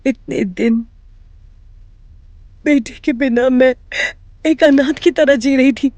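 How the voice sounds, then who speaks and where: A woman's voice: high voice, fairly even intonation, slow, darkish tone, dry recording. Woman doing a weepy old grandma begging her family, dry close sound. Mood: pleading. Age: older. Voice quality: tearful, pleading. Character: lonely old grandmother, emotional and pleading.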